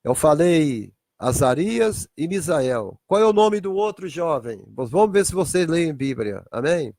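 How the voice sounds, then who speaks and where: Brief: theatrical pastor, higher voice, swings in pitch, dry close sound. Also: male voice, big pitch swings, measured pace, a little mellow, dry recording. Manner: theatrical, acts out biblical scenes. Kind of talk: dramatic livestreamed sermon.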